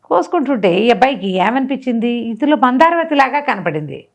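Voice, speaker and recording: A woman's slightly high voice moves briskly through a folk tale. As a storyteller, she keeps it conversational and animated, posing rhetorical questions and voicing the dialogue.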